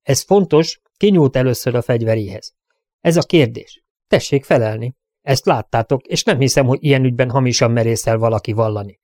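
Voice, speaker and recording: A man's voice: medium pitch, darkish tone, no echo, close to an everyday voice. A man voicing a stern, commanding frontier sheriff who questions and challenges a crowd, in a dry recording.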